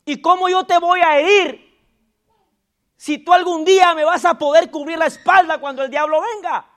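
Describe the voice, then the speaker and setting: High-pitched preaching man. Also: steady tone, moderate pace. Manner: preaching with sudden loud calls and acted gossip asides. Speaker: pastor. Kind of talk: sermon. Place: church.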